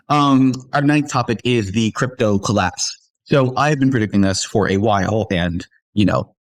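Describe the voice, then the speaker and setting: A man's voice: fairly low pitch, dry recording, studio quality. A man hosting his own year-in-review show, talking casually with opinionated takes, wry asides and plenty of fillers. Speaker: show host. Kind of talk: solo year-in-review commentary.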